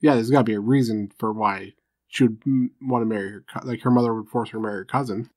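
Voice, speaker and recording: A man's voice: lowish voice, fairly even intonation, fast talker, a little mellow, no room sound, studio quality. A man co-hosting a casual true crime podcast, making laid-back jokes and side remarks. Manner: joking asides, laid-back banter. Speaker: podcast co-host.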